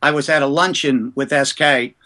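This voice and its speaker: Bright-voiced man telling lively stories. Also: medium pitch, normal speed. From US East Coast. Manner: lively anecdotal storyteller. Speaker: ventriloquist being interviewed. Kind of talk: casual storytelling interview.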